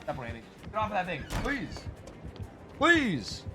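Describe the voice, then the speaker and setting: A man's voice: high-pitched, huge pitch swings, unhurried, sharp tone, soft background music. A man casting a live game from his home setup, heard through a voice changer that has been knocked askew. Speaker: tournament caster. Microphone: headset.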